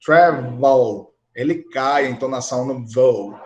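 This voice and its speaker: A man with a Brazilian Portuguese accent and a medium-pitched voice gives a recorded online English grammar lesson at normal speed. He explains each rule step by step and often checks in with the class, and the sound is reverberant and lo-fi.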